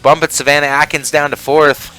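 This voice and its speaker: Bright-voiced race announcer guy, smooth and clear, calls times and cracks jokes. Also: a little high, level tone, brisk, soft background music, poor audio. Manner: joking, reads bibs and times. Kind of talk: live sports commentary, banter.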